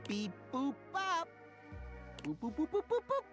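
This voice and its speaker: Actor voicing a cheery male robot dishwasher, robotic voice, game character, sing-song beep-boops with wide pitch swings. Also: wildly swooping pitch, unhurried, over music, heavily acted. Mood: processing. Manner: bouncy sing-song beeps jumping high. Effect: robotic beeping voice. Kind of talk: video game character voice acting.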